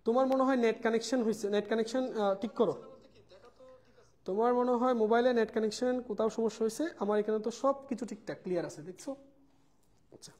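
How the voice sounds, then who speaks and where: A man's voice: very high-pitched, quick pace, darkish tone. A young man teaching a live online math class. He repeats key points, mixes in English words and calls his students brother. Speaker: math tutor.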